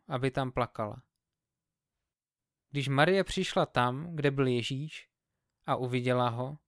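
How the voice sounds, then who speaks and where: A man reading scripture aloud in a slow, measured, solemn narration. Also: mid-range voice, clean tone, no room sound, studio quality. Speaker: Bible reader.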